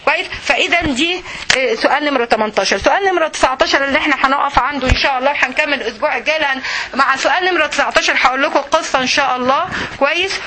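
A woman with an Egyptian Arabic accent teaching a religious lesson to women, animated and often checking with her class. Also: high-pitched, very fast, background noise.

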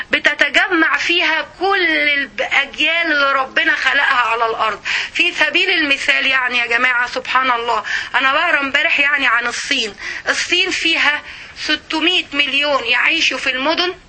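A woman with an Egyptian Arabic accent giving an emotional religious lesson to women, often pausing to check that her listeners follow. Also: high voice, sharp tone. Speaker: religious teacher.

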